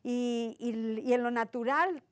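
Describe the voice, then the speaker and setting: Woman preacher, somewhat high voice, earnest and chatty, leans on repetition and tag questions. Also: takes it slowly. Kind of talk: conversational sermon.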